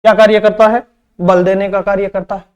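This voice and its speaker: A man's voice: sits high, level tone, fairly quick, highs cut off. A man teaching an exam-prep grammar lesson, repeating each phrase and asking and answering his own questions. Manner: addresses students as "beta".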